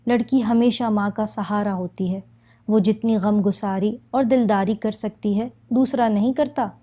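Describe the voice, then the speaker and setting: A fond, wise older aunt, read by a woman narrator, giving advice in a slow and measured way. Her voice is mellow and soft. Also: mid-range voice, natural voice.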